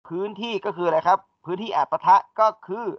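An engineering lecturer with a fairly high male voice talks fast through a classroom lecture, explaining things step by step and putting questions to his students. The recording is dull and dry, with no room sound.

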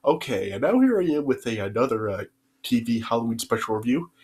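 This YouTube reviewer, a young man congested from a cold, speaks expressively and a little fast in a medium-pitched, darkish, slightly rough voice. His casual review rambles, with fillers and restarts. A desk-distance webcam in a small bedroom picks him up.

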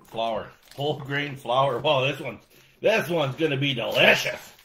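A man co-hosting a casual snack taste-test chat, joking with quick asides and frequent laughs. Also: medium pitch, fairly bright tone. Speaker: co-host.

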